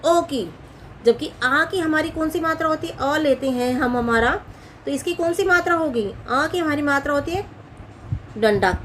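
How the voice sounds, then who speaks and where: A woman's voice: sits high, a little hiss or hum. A woman explaining grammar as a teacher, asking questions and answering them herself and repeating key points. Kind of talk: classroom-style explanation.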